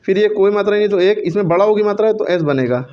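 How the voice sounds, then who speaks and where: Male teacher, slightly high voice, classroom lesson, counts aloud and self-corrects; dull lo-fi recording. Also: fast. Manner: counts syllables aloud, checks and corrects himself. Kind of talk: classroom lesson on Hindi verse meter.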